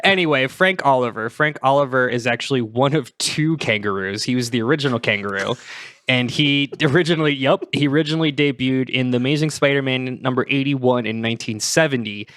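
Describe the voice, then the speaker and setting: Chatty podcast host, dry close sound. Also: male voice, mid-range voice, a little fast, a bit bright, no room sound. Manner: laughs often, reads from notes. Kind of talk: casual comedic podcast banter.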